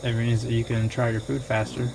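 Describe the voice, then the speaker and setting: A man's voice: medium pitch, little pitch movement, brisk. A man chatting casually from off camera as a companion in a hospital room. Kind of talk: casual chat. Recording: clear background noise, off-camera voice.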